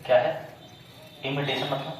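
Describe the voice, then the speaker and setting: A man's voice: on the high side, flat delivery, normal speed, a little hiss or hum. A male teacher giving a classroom pronunciation lesson, quizzing his pupils and spelling words out letter by letter before repeating them. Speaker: English teacher. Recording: echoey room, muffled sound.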